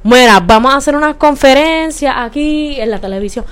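A woman's voice: sits high, a little fast, close to an everyday voice. A woman putting on the voice of a pompous government official giving mock reassurances at a press conference. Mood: mock-reassuring.

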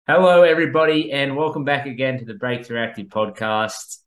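An Australian podcast host chats casually in a laid-back, understated way, his mid-range voice steady and a bit fast. The sound is roomy and echoey.

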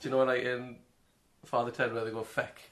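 A woman's voice: rumbling low, flat delivery, normal speed. A woman with a Sunderland accent from north-east England, chatting casually as a podcast co-host with wry, joking remarks. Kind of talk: casual chat.

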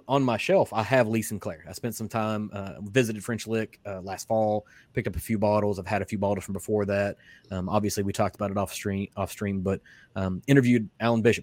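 Podcast host, male, lowish voice, rambling casual delivery, dry close recording. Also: darkish tone, no room sound. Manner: rambling, many restarts and fillers. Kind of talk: casual interview chat.

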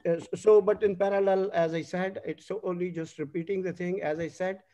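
A man with a Pakistani accent giving extempore panel remarks as an official, halting and often repeating himself. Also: sits high, steady tone, warm tone.

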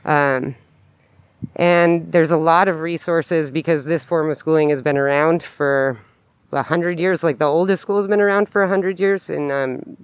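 Man, American accent, slightly high pitch, smooth, muffled by face mask, informal interview guest, loose conversational phrasing. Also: fairly even intonation, moderate pace, no room sound. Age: adult parent. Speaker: interview guest, education activist. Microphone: podcast microphone, spoken into through a mask.

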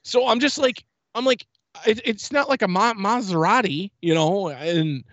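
A man hosting a podcast, telling an animated story in casual chat and acting out dialogue. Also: high voice, normal speed, dry recording, dull audio. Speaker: podcast host.

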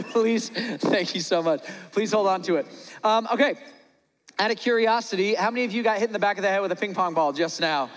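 A man's voice: sits high, fairly quick, big-room sound. A man preaching a sermon to his church, playful and joking with the congregation, acting out little scenes. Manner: acts out little scenes in voices. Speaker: pastor. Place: large church hall.

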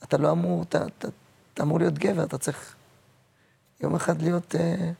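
A man in his sixties, a guest actor and comedian, telling personal stories in a halting, emotional way with many repeats. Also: fairly high pitch, level tone, gravelly, warm tone, slight background noise. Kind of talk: personal interview storytelling.

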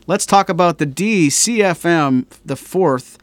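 A man's voice: on the high side, animated, dry recording. Dry-sounding man steering a podcast chat. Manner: brisk, steers the conversation with questions. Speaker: podcast co-host.

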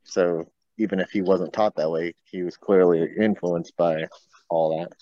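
Man, low voice, questioning Bible study participant, dry lo-fi audio. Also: fairly even intonation, measured pace, dark tone, no echo. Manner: questioning, explains geography, tag questions. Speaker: study group member. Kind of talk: casual Bible study discussion.

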